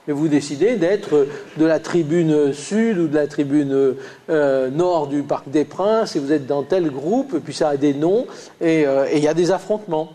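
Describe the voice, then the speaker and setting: A man's voice: on the high side, normal speed, mellow. A man from Lyon with a slight Lyonnais accent, giving a classroom lecture with slides, full of hesitations and restarts. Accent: Lyonnais French, slight. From Lyon, France. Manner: hesitant, many "euh" fillers and restarts.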